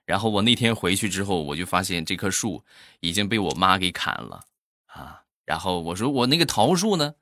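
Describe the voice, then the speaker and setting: A man's voice: sits low, a little fast, sharp tone, dry recording, studio quality. A man telling comic family stories in a casual, self-deprecating, wry way. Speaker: comic storyteller.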